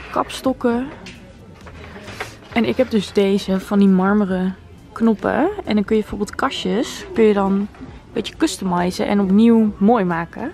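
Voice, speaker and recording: A vlogger in her twenties chats enthusiastically with viewers in a casual shopping vlog, first in her living room at home and then inside a store. Her mid-range voice is warm and creaky.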